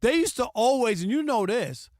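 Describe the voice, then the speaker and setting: A man's voice: extremely high pitch, very animated, normal speed, darkish tone, dry recording, studio quality. A man co-hosting a sports talk show, making his point in a casual, conversational debate.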